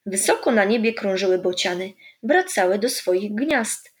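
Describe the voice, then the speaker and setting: A woman reading a children's story aloud in an expressive, melodic way. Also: medium pitch, normal speed.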